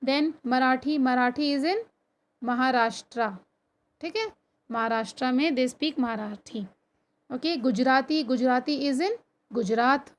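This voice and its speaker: A woman teaching an online class, reading lines from a textbook slowly and then explaining them in Hindi, with questions to her students and frequent "theek hai" check-ins. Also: sits high. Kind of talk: recorded online lesson explaining a textbook chapter. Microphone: computer or phone screen recording.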